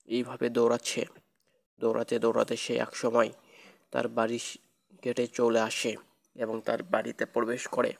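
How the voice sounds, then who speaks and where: A man's voice: mid-range voice, completely flat delivery, moderate pace, creaky, long pauses. A man narrating a children's cartoon ghost story in a plain, repetitive storytelling manner.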